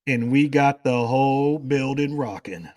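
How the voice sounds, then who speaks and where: Gushing like a fan, this male talk show host tells rambling stories in casual chat, wandering from tangent to tangent. He speaks at a normal pitch and a little slowly, in a dry recording without echo.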